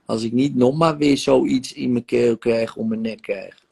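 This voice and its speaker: A man's voice: medium pitch, steady tone, creaky, darkish tone, husky. A man acting as a therapist, leading a guided emotional regression session with soothing, coaxing words and long sighing exclamations. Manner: soothing, coaxing guidance with drawn-out sighs and exclamations.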